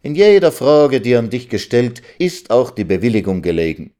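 A man's voice: mid-range voice, sing-song, moderate pace, mellow, pitched above the performer's own voice, close to an everyday voice. A man voicing a condescending village lawyer who lectures others on the law. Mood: lecturing. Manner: lecturing, know-it-all. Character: know-it-all old village lawyer, condescending.

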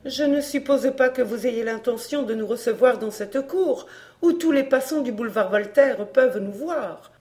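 A woman reading an audiobook, voicing a haughty, overbearing middle-aged mother with a sharp, peremptory manner. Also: on the high side, normal speed, natural voice.

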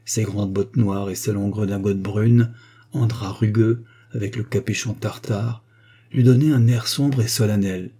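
A man narrating a classic story at a calm, measured pace. His voice sits low and dark, with a husky grain to it. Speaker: audiobook reader. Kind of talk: scripted narration.

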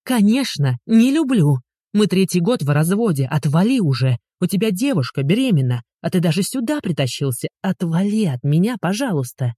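A reader voicing a sharp-tongued, fed-up young woman who snaps and mocks, in an audiobook. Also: mid-range voice, sing-song, normal speed, no room sound, clean studio sound. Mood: snapping. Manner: sharp, snapping, sarcastic. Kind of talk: audiobook dialogue.

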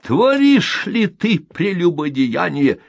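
A man's voice: sits high, sing-song, slow pace, vocal fry, no echo, voice pushed up, full character voice. A man reading an audiobook aloud, voicing a fervent male evangelist preacher who rouses a crowd with rhetorical questions. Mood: exclaiming.

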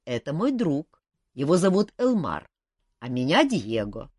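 A woman's voice: low voice, sing-song, measured pace, darkish tone, slightly rough, no echo, clean studio sound, exaggerated voice. A woman voicing a sly, teasing young man who mocks his friend. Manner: teasing, wry. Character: mocking young male adventurer, sly joker.

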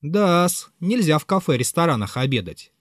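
A man's voice: sing-song, moderate pace, no echo, clean studio sound. A man reading an audiobook, voicing an insolent young man who sneers and giggles at others. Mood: sneering. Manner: sneering, shrill.

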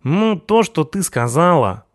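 An excitable young punk, voiced by a man, gushes in slang in a raised, eager voice. He sounds breathless and boyish. The recording is dry and close. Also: a little high, measured pace, no echo, voice pushed up. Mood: excited gushing.

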